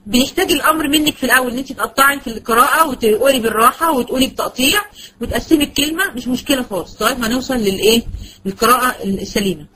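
A woman with an Egyptian Arabic accent teaching Quran recitation, patient and slowing right down to spell out sounds. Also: high voice, bright, forceful tone, husky, poor audio. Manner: patient, slows to a crawl when demonstrating words. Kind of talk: online Quran lesson.

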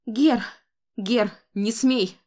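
A woman voicing an anxious older noblewoman, a grandmother, who talks high, loud and agitated. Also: a little fast, close to an everyday voice. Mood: panicked.

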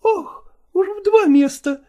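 A man's voice: slow pace, warm tone. A man reading an audiobook, voicing a young actress who is jealous and clingy, pleading and reproachful through tears. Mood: tearful reproach. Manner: high, pleading and reproachful, tearful.

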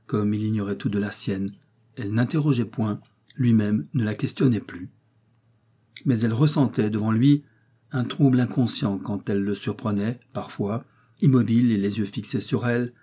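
A man reading a novel aloud, with steady, measured narration. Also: on the low side, breathy edge. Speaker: reader.

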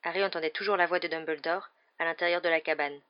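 A woman narrates an audiobook with a steady, measured reading in a fairly low voice. The recording sounds dull and muffled. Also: clean tone.

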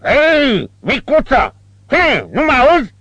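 A hoarse, menacing brute. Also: male voice, extremely high pitch, wildly swooping pitch, a bit bright, dry recording, dull audio, pitched above the performer's own voice, heavily acted. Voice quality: hoarse, cracked voice. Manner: threatening, bullying. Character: brutish hulking male schoolmaster, menacing thug. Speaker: audiobook narrator voicing a character. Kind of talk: audiobook character voice.

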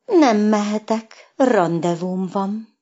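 A woman's voice: medium pitch, lively intonation, warm tone, muffled recording, pitched above the performer's own voice, lightly acted. A woman voicing a cheerful, confident male cat who sings in a band, in a storybook. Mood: eager. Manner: eager, teasing.

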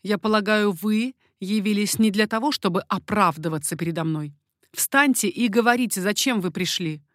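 A woman's voice: medium pitch, moderate pace, no echo, studio quality, natural voice. A woman voicing a proud young queen in an audiobook, speaking firmly and imperiously. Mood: commanding.

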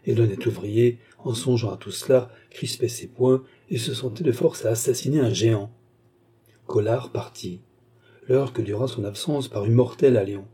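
Guy reading a novel aloud, really dark husky voice, steady pace. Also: mid-range voice, moderate pace. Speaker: audiobook narrator. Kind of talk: scripted novel narration.

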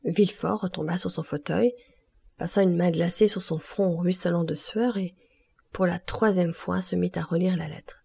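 Woman, audiobook narration, warm, husky, measured, expressive. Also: fairly low pitch. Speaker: audiobook reader. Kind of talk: classic novel audiobook narration.

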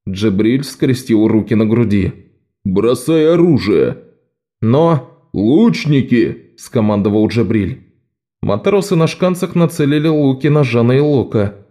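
A man narrating an adventure audiobook in an even, measured reading. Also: medium pitch. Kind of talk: scripted narration.

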